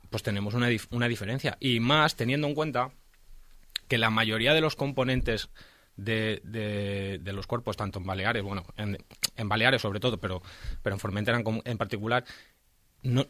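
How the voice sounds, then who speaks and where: A male police officer, a guest in a radio studio, explains things in a measured way with frequent fillers. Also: mid-range voice, a bit bright, no echo. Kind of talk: radio interview answers.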